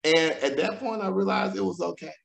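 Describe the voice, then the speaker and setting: A man's voice: sits high, brisk, vocal fry. Candid man telling stories. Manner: animated, candid, colloquial. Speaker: guest. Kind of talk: storytelling in conversation. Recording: roomy echo.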